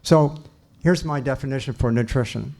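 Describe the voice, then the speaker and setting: A man's voice: medium pitch, normal speed, mellow. An older man giving a public lecture in a church, earnest and emphatic, repeating his key points and restarting sentences. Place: church hall.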